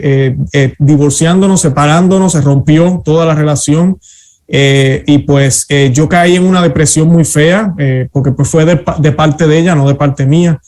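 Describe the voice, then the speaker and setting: A man's voice: on the high side, a little mellow. A middle-aged man with a Puerto Rican accent, earnestly telling his faith testimony as an interview guest, with frequent hesitant fillers. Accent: Puerto Rican Spanish. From Puerto Rico.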